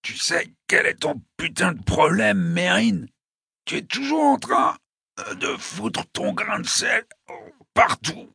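A man voicing a wounded, dying man who curses and gasps in a hoarse voice strained with pain. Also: high voice, very animated, measured pace, hardly any pauses, sharp tone, no room sound, voice pushed up, heavily acted. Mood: gasping. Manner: cursing, gasping. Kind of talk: audiobook character voice.

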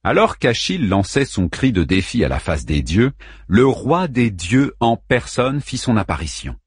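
A man narrating an audiobook in a steady, measured way. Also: on the low side, slightly rough, dry recording, studio quality. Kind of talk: scripted narration.

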